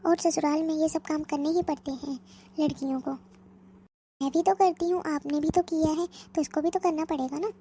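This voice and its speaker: Polite, firm young daughter-in-law, voiced by a woman; high, mellow and even. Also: a little hiss or hum, natural voice. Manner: polite, lecturing. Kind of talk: cartoon voice acting.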